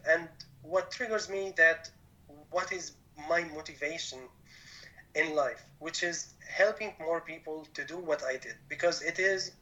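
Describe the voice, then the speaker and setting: Syrian-born guy on a podcast, earnest, keeps rephrasing, bright kinda higher voice. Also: unhurried, poor audio. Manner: earnest, rephrases often in non-native English. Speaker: podcast guest. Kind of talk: conversational interview.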